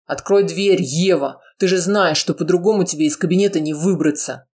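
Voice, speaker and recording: A woman's voice: on the low side, a little fast, darkish tone, breathy edge. Woman doing a harsh, enraged father. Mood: angry. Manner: harsh, barking threats.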